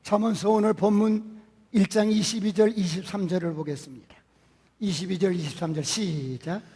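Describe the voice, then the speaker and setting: A male pastor preaching a sermon, asking many rhetorical questions and swinging between quiet and loud. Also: sits high, fairly even intonation, moderate pace, husky. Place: church sanctuary. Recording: long church hall reverb.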